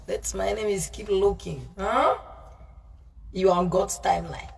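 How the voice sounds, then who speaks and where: A woman with a gravelly, mid-range voice speaks at a moderate pace, preaching on a livestream far from her microphone. She answers live comments in a fiery, informal sermon, scolding and confrontational, repeating herself and mixing in Pidgin.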